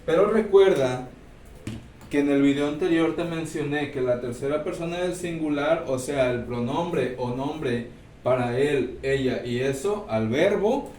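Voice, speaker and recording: A male English teacher with a mid-range, darkish voice records a class lesson, patiently explaining step by step and checking in with "¿sí?". The classroom sounds roomy, with a distant mic and faint background noise.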